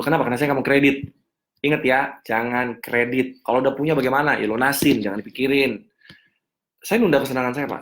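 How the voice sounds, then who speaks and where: Lively male financial coach teaching. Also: medium pitch. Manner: lively, checks understanding with quick rhetorical questions; repeats key points for emphasis. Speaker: financial coach leading a seminar. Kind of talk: seminar teaching with audience questions.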